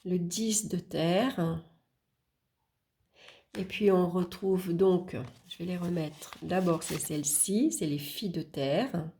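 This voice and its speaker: A woman presenting a tarot deck, unhurriedly naming the cards as she flips through them with small hesitations. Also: on the low side. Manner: unhurried, murmuring card names while flipping, with small hesitations; warm, admiring remarks about the artwork. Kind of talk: casual deck walkthrough.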